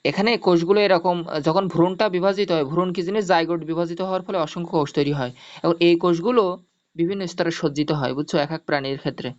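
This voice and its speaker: A man's voice: fairly high pitch, rapid-fire. A male teacher gives an online zoology lesson, explaining step by step, repeating mnemonics and checking that students follow. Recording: dull lo-fi audio.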